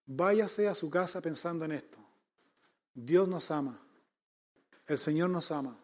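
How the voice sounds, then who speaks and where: Un pastor con acento chileno que predica un sermón, enumerando puntos y haciendo preguntas retóricas a la congregación. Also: male voice, on the high side, unhurried. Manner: emphatic, counts numbered points, asks the congregation rhetorical questions. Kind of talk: sermon.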